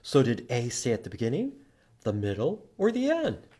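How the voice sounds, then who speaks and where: A man leading library storytime swoops wildly in pitch as he reads to young children and teaches them letters. He talks at normal speed in a mellow, medium voice, using short, simple phrases with sing-song emphasis.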